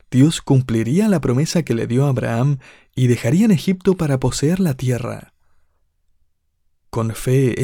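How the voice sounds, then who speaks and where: A man preaching a sermon in a measured way, reading scripture aloud and building emphasis with rhetorical questions. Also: mid-range voice, dark tone, no echo, studio quality.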